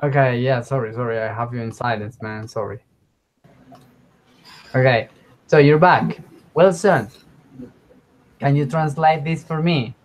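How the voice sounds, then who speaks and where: A man's voice: mid-range voice, unhurried, pauses often, a little hiss or hum. A man leads an online English lesson. He explains things informally, step by step, and keeps adding small checks for understanding. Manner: frequent check words like okay; switches between English and Spanish. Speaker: English teacher. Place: online class with screen share.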